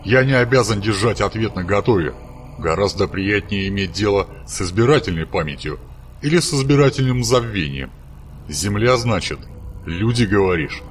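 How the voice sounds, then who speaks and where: A man's voice: lowish voice, lively intonation, moderate pace, a little hiss or hum, close to an everyday voice. A man doing a grumpy, capricious God. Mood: gruff. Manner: gruff, snapping, condescending. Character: grumpy, capricious, self-satisfied male God.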